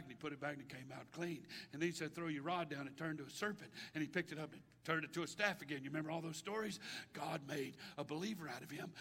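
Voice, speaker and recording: A man preaching a sermon, swinging between shouts and hushed lines, with folksy grammar. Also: on the high side, gravelly. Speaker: pastor. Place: church sanctuary. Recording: long reverb of a large hall.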